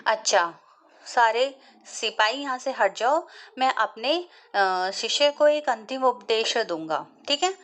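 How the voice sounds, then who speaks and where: A woman gives voice to a wise old guru in a told folk play, gentle and fatherly in tone. Her voice stays fairly high even in the role. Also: slow.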